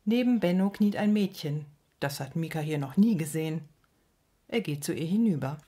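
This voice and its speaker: A woman narrating a children's story in a gentle, even manner. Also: low voice, normal speed.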